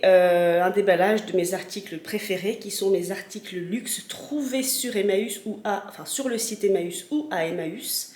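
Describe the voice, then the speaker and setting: A woman in her thirties, stuffy from a cold, rambles chattily through a casual unboxing in her home kitchen, using many fillers as a vlogger. Her voice is mid-range and a little mellow, with a roomy sound.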